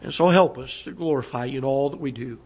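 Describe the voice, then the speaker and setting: Preaching in a church auditorium, a medium-pitched pastor with a hoarse, recovering voice starts out halting and repeating himself before building up as the sermon goes on. It comes through as a dull, lo-fi church broadcast.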